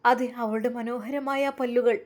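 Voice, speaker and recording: A woman narrating a family story in an earnest, expressive way. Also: fairly high pitch, unhurried.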